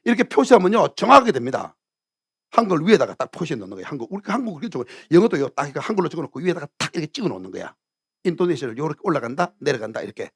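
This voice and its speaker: A middle-aged male pastor giving a lively sermon, teaching as he goes and drilling English words aloud by repeating them. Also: a little high, rapid-fire, vocal fry, breathy edge.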